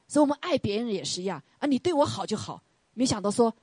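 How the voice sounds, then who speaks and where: A woman's voice: on the high side, big pitch swings, fast, a little mellow, breathy edge, no echo. A middle-aged woman church leader telling a personal testimony to her congregation in a chatty, storytelling way, often laughing and acting out the voices in her story. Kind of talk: testimony sermon.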